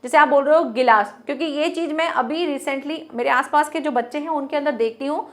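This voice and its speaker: A young woman with a high voice teaches a Hindi grammar lesson to students. She explains patiently, puts questions to the class and answers them herself. She repeats words again and again to model their sound. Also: brisk.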